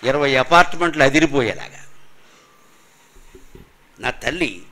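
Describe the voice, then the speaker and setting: A man's voice: medium pitch, lively intonation, bright, forceful tone, slight background noise. Older man giving an emphatic spiritual lecture. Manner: emphatic, rhetorical questions, chants verses slowly. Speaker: religious discourse speaker. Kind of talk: spiritual lecture to a live audience. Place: function hall.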